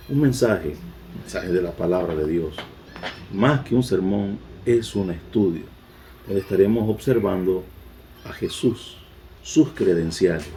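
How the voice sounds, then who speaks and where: Deep mellow pastor guy, measured prayer, faint noise. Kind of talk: sermon and prayer.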